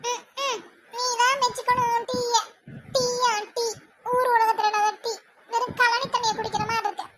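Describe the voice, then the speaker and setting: A shrill, very high-pitched old mother-in-law from a cartoon, voiced by a woman, who nags and bosses everyone in a broad Tirunelveli Tamil accent. Her voice sits far above ordinary speech, and a steady background hiss runs under it. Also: quick pace. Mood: scolding. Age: older. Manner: scolding, sharp-tongued, bossy. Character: grumpy bossy old mother-in-law, nagging.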